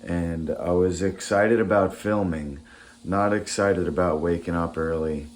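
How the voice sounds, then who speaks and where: A man's voice: low-pitched, a little slow. A man rambling casually in a morning vlog, his speech slightly thick from a swollen, bitten tongue. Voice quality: slightly thick, impeded articulation. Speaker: vlogger. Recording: roomy echo, faint background noise.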